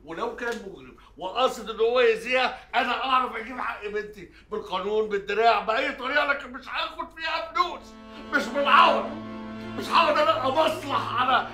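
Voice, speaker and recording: Middle-aged Egyptian father, stubborn, sarcastic, high bright voice, roomy set with music. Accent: Egyptian Arabic. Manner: heated sarcastic arguing. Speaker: father of four daughters. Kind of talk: TV drama acting.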